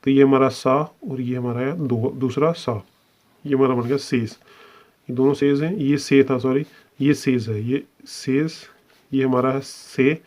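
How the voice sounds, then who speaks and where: This online lesson features a man teaching shorthand in a mid-range, slightly mellow voice. He explains each step in turn, slips English terms into his Hindi, and frequently repeats "ठीक है".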